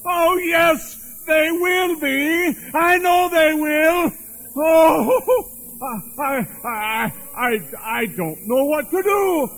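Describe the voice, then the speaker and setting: A man's voice: very high-pitched, very animated, takes it slowly, hardly any pauses, fairly bright tone, heavily acted, low-quality recording. A man playing an old miser who pleads with a spirit and then bursts with giddy joy at being changed. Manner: pleading, then overjoyed and breathless with laughter.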